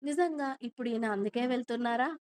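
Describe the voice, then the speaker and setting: A woman voicing a timid, grieving young wife who speaks softly and hesitantly in a storybook telling. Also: on the high side, quick pace, clear, resonant tone, close to an everyday voice. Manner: soft and hesitant.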